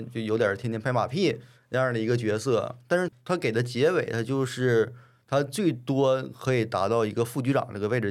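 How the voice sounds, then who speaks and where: Measured man in casual chat. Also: mid-range voice. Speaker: podcast co-host.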